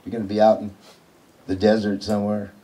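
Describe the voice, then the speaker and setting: A man's voice: fairly low pitch, completely flat delivery, brisk, dark tone, rough recording. A man in his fifties giving a heartfelt, rambling message of support, repeating words as he goes. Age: 50s.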